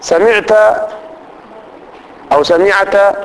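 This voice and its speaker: A man teaching grammar to a class, reciting lists of pronouns slowly and often checking that students follow. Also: sits high, low-quality recording. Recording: faint background noise.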